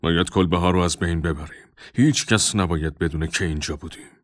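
A man voicing a wary male leader in a storybook, with a low, firm delivery. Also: fairly even intonation, dry recording, studio quality, lightly acted.

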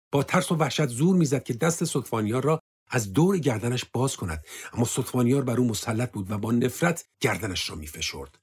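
A man reading a war story aloud in steady, grave scripted narration. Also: medium pitch, slightly rough.

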